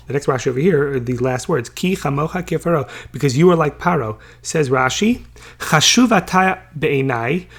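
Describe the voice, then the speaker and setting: Male Bible teacher, slightly high voice, casual and talky, slow verse readings, lots of checking questions. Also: husky. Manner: chatty, many fillers and checking questions; reads verses slowly, then translates.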